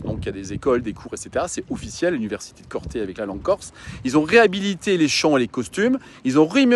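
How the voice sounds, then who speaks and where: Guy with a bit of a high voice, coach chatting to followers, earnest, lots of ums and restarts. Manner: earnest, reflective, with many fillers and restarts. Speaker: coach and mountain guide. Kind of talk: casual informal talk to followers.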